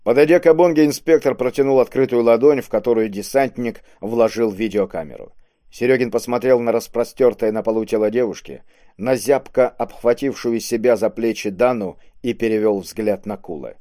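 A man reading a science-fiction novel aloud in a steady, measured narration. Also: medium pitch, dry recording, clean studio sound. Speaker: audiobook reader. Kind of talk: scripted narration.

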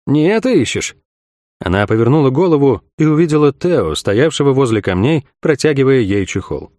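A man narrating a fantasy audiobook in an expressive storytelling manner. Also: medium pitch, brisk, dry recording, studio quality.

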